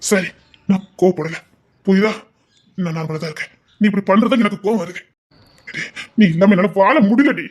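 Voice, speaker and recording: An actor with a Tirunelveli Tamil accent playing a desperate young man who pleads with his lover, swinging from hushed pleas to shouting. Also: sits high, brisk, long pauses. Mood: pleading. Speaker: actor in a romance drama. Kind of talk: emotional drama acting.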